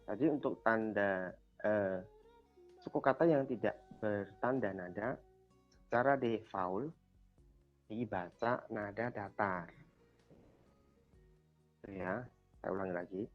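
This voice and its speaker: A man's voice: fairly low pitch, takes it slowly, pauses often, lo-fi sound, faint music behind. A man teaching a language class over a video call, quizzing students and patiently repeating their answers. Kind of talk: online class lesson.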